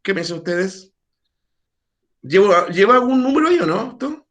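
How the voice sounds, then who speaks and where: A man's voice: high-pitched, big pitch swings, moderate pace, fairly bright tone, highs cut off. A man teaching a math class over a video call, quizzing his students and making chatty asides.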